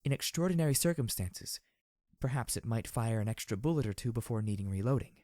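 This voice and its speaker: A man reading an audiobook, voicing a calm and distant female zebra spirit-medium who speaks in a slow, measured, solemn way. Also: medium pitch, dry recording, studio quality, natural voice.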